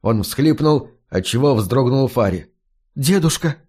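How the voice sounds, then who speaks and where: A man reads a first-person story as an audiobook narrator. His voice sits in the middle range, and his telling is even and measured. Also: mid-range voice.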